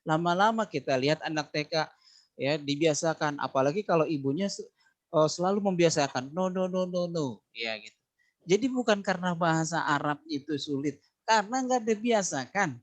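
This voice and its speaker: A man's voice: on the high side, lively intonation, moderate pace, no echo. A man with an Indonesian accent teaching an Arabic class online, patiently drilling words and stretching out each example.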